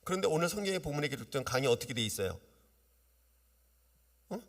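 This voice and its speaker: A man preaching a sermon as pastor, lively and often asking his congregation questions. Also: a little high, quick pace. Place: church sanctuary. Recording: long reverb of a church hall.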